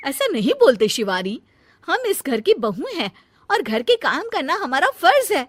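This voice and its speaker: A woman voicing a dutiful, sensible elder daughter-in-law in a cartoon family drama, earnest, expressive and chiding. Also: high voice, measured pace, slight background noise, heavily acted. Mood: gently reassuring.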